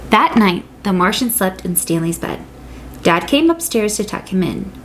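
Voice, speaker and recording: A woman reading a children's picture book aloud, gentle and storytelling. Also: mid-range voice, very animated, moderate pace, a little hiss or hum, poor audio. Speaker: reader.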